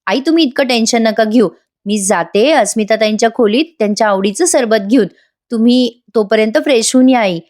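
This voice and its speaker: A woman's voice: a little high, brisk, a little mellow, natural voice. A woman voicing a caring young sister-in-law who reassures and comforts the family politely. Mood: soothing.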